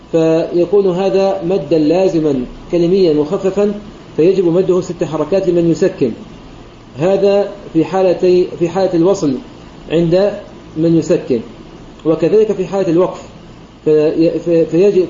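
Brief note Fast-talking teacher with a dark voice. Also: male voice, high voice, a little hiss or hum. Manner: methodical, with frequent "aah" fillers and repeated phrases. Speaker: Quran recitation teacher. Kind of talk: religious lesson explaining a classical poem. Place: online voice-chat room. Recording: muffled online voice-chat room audio, roomy.

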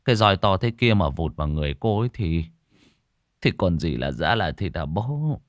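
A man's voice: low-pitched, very animated, normal speed, dry recording, clean studio sound. A man voicing a frightened young man who stammers and mumbles. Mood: timid.

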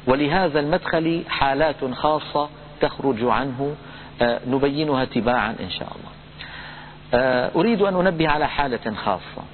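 A man teaches a recitation lesson in a slightly high voice, laying out the rules plainly and then drawing out example words in a slow chant. The sound is thin and phone-like, with a faint hiss behind it. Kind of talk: tajweed lesson lecture. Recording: tinny phone-like lo-fi audio.

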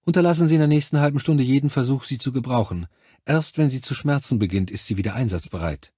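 Guy reading an audiobook doing a brisk lady army doctor, bossy and practical, husky voice, dry close sound. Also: medium pitch, dark tone, no echo, voice pushed up, natural voice. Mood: firm. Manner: firm, matter-of-fact, briskly commanding. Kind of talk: audiobook character voice.

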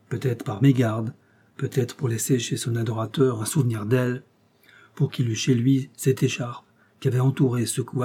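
A man narrating a serialized crime novel as an audiobook, with measured, dramatic reading. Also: medium pitch, mellow, slightly rough.

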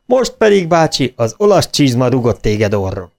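A man's voice: medium pitch, very animated, creaky. A man voicing a cheerful young male soldier who teases in a storybook. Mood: teasing.

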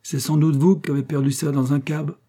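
A man's voice: on the high side, little pitch movement, a little fast, dark tone, pitched above the performer's own voice, natural voice. A man voicing a cheeky young working-class Parisian, talking in slangy, cocky bursts.

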